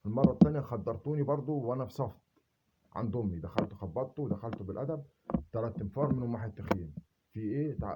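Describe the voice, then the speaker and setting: A man from Upper Egypt with an Upper Egyptian Arabic accent, delivering a defiant monologue to camera, indignant and repeating rhetorical questions that swell into loud emphasis. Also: on the low side, lo-fi sound, background noise. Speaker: self-made video speaker.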